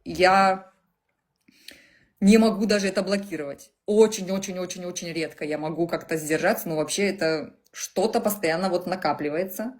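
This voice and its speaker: A woman's voice: fairly low pitch, normal speed. A woman in her thirties, a client on a video call, answering hesitantly and searching for words. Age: 30s. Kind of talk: casual conversation.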